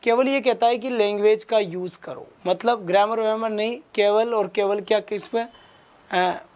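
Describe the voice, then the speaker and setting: Brisk male teacher urging students on. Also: high-pitched, steady tone, darkish tone. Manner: rapid Hindi-English mix, urges students with quick questions. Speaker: exam-prep English teacher. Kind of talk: online class lecture.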